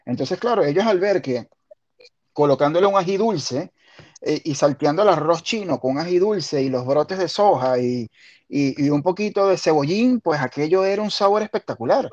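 A man's voice: fairly high pitch, lively intonation, normal speed, darkish tone, muffled recording. A man from Venezuela hosting a casual interview, talking at length and often restarting his words. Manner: talkative, repeats and restarts words. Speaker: podcast host.

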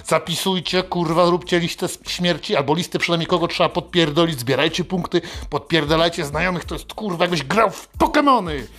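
A man's voice: a little high, fairly quick, hardly any pauses, fairly bright tone. A man delivering an aggressive, constantly swearing mock-motivational comedy rant to his listeners. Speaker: satirical anti-coach host. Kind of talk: profane satirical rant to listeners.

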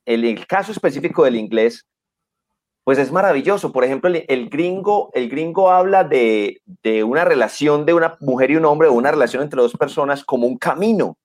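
Guy chatting casually, lively storyteller. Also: fairly high pitch. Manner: animated storyteller, acts out quotes. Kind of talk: casual chat.

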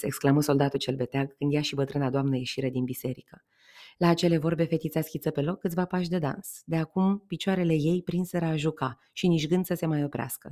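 Woman storyteller, mellow timbre, measured unhurried fairy-tale reading. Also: sits low. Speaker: podcast storyteller.

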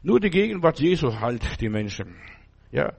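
A man's voice: a little high, big pitch swings, normal speed, creaky, darkish tone, husky. A middle-aged man preaching a sermon in an earnest way, often repeating phrases and asking "right?". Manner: earnest, repeats phrases with many tag questions.

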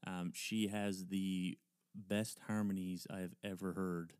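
Clear, low-voiced man hosting a podcast. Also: level tone, slow, a little mellow, no room sound, clean studio sound. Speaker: podcast host. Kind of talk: casual conversational podcast hosting.

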